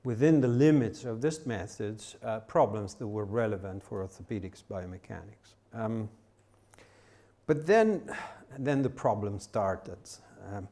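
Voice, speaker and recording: A man's voice: lowish voice, expressive, unhurried, warm tone. An older man giving a public lecture as guest speaker, with non-native phrasing and frequent restarts.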